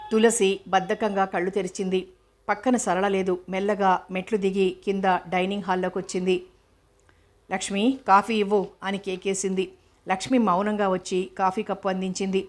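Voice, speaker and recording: A woman narrating a novel in an even, steady reading voice. Her pitch sits in the middle and barely rises or falls from line to line. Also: brisk. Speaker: novel reader. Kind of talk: scripted story narration.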